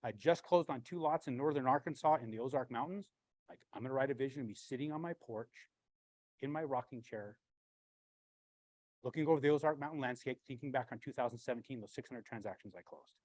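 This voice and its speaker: A man, a branch manager, giving a blunt, animated storytelling talk with frequent swearing and a husky voice. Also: medium pitch, fast, no echo, low-quality recording.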